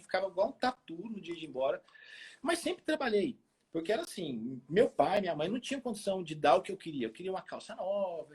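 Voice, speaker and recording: On a remote social media livestream call, a health expert guest tells casual personal stories about his life. He's a forty-year-old from a small town in Minas Gerais with a rural Brazilian accent, and his voice sits high, a little mellow and husky. He talks colloquially and repeats phrases to stress points.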